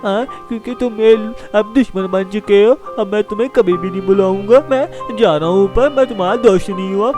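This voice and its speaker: Guy doing a high squeaky little kid, whiny and jumpy, music going behind. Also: fairly quick, hardly any pauses, close to an everyday voice. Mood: sulky. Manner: whiny, panicky cries of "arey". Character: small mischievous boy, scared and sulky. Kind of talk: fan game role-play voicing.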